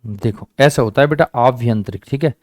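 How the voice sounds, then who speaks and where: A man's voice: mid-range voice, fairly quick, a little mellow, no room sound, studio quality. A man teaching an online exam-prep class, coaxing his students, repeating each question and answer and calling them friends and children. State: sore hand, says it hurts.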